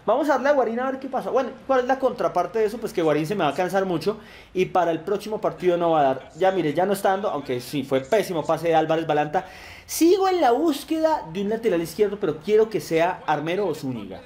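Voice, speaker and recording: A young man with a Colombian accent narrates his football video game match as he plays it. His voice sits high and jumps up further when a play goes wrong. Between the bursts he talks to his viewers in a loose, chatty way. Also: quick pace. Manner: excitable, shouts at plays, chatty asides to viewers. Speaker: gaming YouTuber. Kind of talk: live football game commentary.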